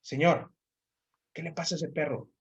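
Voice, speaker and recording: A man voicing a gentle, compassionate young man who speaks softly and politely. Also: fairly high pitch, fairly even intonation, moderate pace, highs cut off, slight background noise, pitched below the performer's own voice, close to an everyday voice. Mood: pleading.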